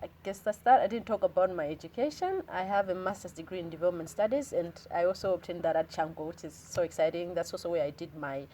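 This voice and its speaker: A Malawian woman in her thirties speaks quickly in a slightly low voice as an interview guest. She talks earnestly and reflectively and switches languages in the middle of sentences. Faint noise sits behind her. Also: dark tone. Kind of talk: casual interview conversation.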